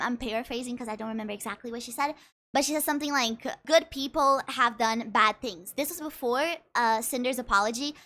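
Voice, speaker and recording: A woman's voice: high voice, pushed and bright. A woman making a commentary video in a casual, earnest way, her voice shaky with emotion and her words often repeated. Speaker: commentary YouTuber.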